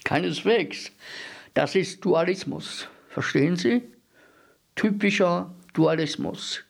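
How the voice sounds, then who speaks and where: A man's voice: medium pitch, sing-song, measured pace, vocal fry, exaggerated voice. A man voicing an eager, bookish man who lectures insistently in a story reading. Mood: lecturing. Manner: didactic, insistent, repeats questions.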